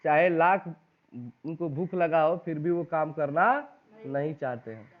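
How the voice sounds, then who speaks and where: A man's voice: a little high, fairly even intonation, unhurried. A male teacher with a Bihari Hindi accent takes a class through exam questions. He reads each question and its options, then asks the class for the answer and repeats it back. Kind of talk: exam-prep lesson, reading out quiz questions and options. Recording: tinny phone-like recording.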